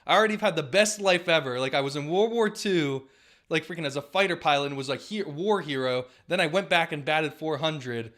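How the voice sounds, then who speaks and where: A man's voice: a little high, brisk, a bit bright, close to an everyday voice. A young man putting on the voice of a boastful, whiny old baseball legend in a comedy bit. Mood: bragging. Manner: whiny, bragging.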